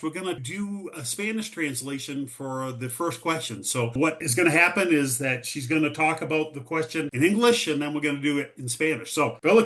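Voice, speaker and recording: A man hosting a science podcast interview, upbeat and welcoming, slowing down to stress key words. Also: fairly high pitch, sharp tone. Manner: upbeat, welcoming, slows for emphasis. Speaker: podcast host and journal editor.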